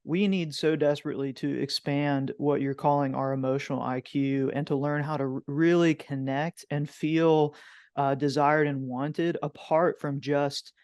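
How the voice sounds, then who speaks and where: A man's voice: a little high, steady tone, moderate pace, darkish tone, no room sound, clean studio sound. Earnest man hosting a podcast. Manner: earnest, thoughtful questioning. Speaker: podcast host. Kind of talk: conversational interview.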